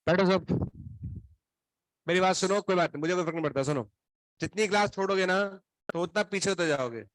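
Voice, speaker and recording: A high-pitched male coaching teacher talks briskly while scolding his students, grilling them one at a time in a stern, sarcastic manner. He's feverish with an unwell throat, and the audio carries no room sound.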